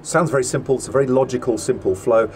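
A man's voice: medium pitch, fairly even intonation, darkish tone, a little hiss or hum. Methodical man giving a cockpit tour. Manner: methodical, measured, with frequent ums and uhs. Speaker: land speed record driver. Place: seated in a car cockpit inside a large workshop. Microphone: small camera mounted in the cockpit.

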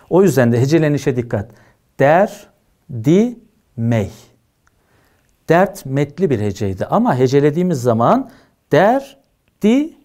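A male teacher giving an exam prep lecture, his pitch swinging widely as he stresses each point. He drills rules emphatically and keeps checking that his students are following along. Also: a little mellow.

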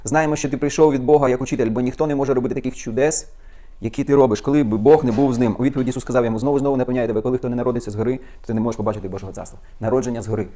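A male pastor preaching a sermon with fervent, quick delivery, asking the congregation rhetorical questions and reading scripture aloud. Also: medium pitch, fairly even intonation, mellow. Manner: reads scripture aloud and comments on it.

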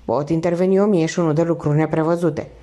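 A woman reading aloud and voicing a calm, earnest male teacher who speaks formally and carefully. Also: low-pitched, lightly acted.

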